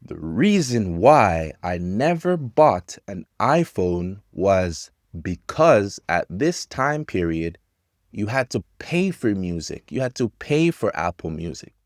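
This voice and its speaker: A man in his thirties teaching English to learners, talking about technology in slow, simple sentences with pauses. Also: lowish voice, sing-song, no echo, clean studio sound. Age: 30s.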